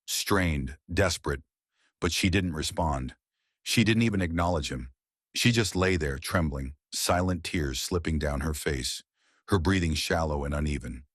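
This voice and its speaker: A man narrating a romance story in a measured, dramatic storytelling manner. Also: low-pitched, husky, no echo, studio quality.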